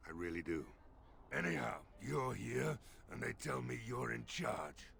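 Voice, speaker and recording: A man's voice: mid-range voice, big pitch swings, measured pace, creaky, a bit bright, slight background noise, full character voice. An actor playing a worried, blunt middle-aged male village mayor in a fantasy game, talking in a weary, pleading way. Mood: weary urgent.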